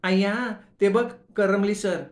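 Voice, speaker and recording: A man's voice: sits high, unhurried, reverberant, voice pushed up. A man voicing a young college girl who mocks her teacher with squeals of disgust. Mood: mocking.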